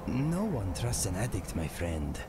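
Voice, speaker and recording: An actor playing a wry, melancholy former addict turned mercenary in a fantasy game, confessing in measured, formal speech. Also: male voice, low voice, very animated, very noisy. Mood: sombre. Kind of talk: scripted fantasy game dialogue.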